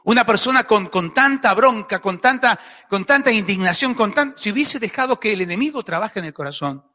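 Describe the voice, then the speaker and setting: An Argentine man preaches from the pulpit with a high, sharp voice. He presses his points with repetition and keeps asking the congregation "¿eh?". The sound rings out in a reverberant church hall. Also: animated, brisk. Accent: Argentine Spanish. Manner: emphatic preaching with frequent rhetorical "¿eh?" and repetitions. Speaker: pastor. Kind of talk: sermon.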